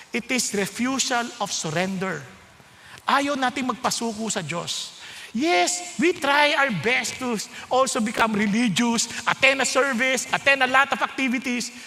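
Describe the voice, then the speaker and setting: A man with a very high, bright and forceful voice preaches a sermon. He moves between calm teaching and loud, emphatic stretches. His voice rings out with long reverb in a large hall. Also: slight background noise.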